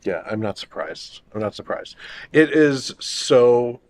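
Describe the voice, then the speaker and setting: A man co-hosting a casual opinion discussion, speaking earnestly and haltingly. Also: mid-range voice, expressive, a little mellow. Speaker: talk show co-host.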